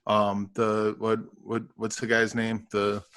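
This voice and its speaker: A man's voice: fairly low pitch, monotone, fairly bright tone, clean tone. Hesitant male podcast co-host. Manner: halting, lots of ums and uhs. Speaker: film reviewer, podcast co-host. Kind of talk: casual podcast chat.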